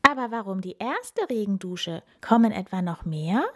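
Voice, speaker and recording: A woman voicing a cheerful, excitable male hero in a children's story, speaking in a bright, exclaiming, chatty way. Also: medium pitch, normal speed.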